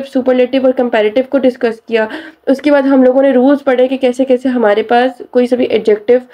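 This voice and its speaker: A woman's voice: high-pitched, warm tone. A woman teaching an English grammar lesson, explaining rules step by step and mixing English terms into her speech.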